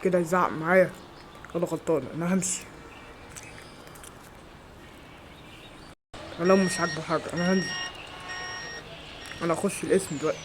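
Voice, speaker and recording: A man with an Egyptian Arabic accent acting several everyday roles in a homemade skit, with quick, exclamatory lines. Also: high voice, background noise, natural voice. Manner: quick, loud, exclamatory dialogue. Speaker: amateur actor.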